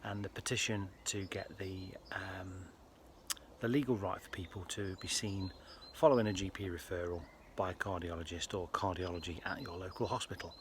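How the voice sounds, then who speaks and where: A British man speaking casually to viewers in a personal health vlog, with an earnest, halting delivery. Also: deep voice, fairly even intonation. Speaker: health vlogger. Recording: faint ambient background noise.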